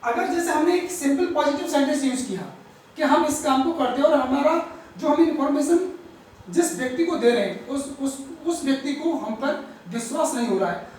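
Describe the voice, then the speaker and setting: A woman teaching English grammar, explaining slowly, repeating words and stressing each example sentence. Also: high voice, a little mellow, a little hiss or hum. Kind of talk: grammar lesson. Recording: echoey room, far from the mic.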